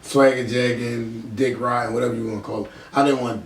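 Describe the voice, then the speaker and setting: A podcast host from Philadelphia, United States, talks fast in a casual conversation, his slangy speech laced with profanity and a Philly accent. His medium-pitched voice stays fairly even, recorded on a distant mic with roomy echo and faint noise.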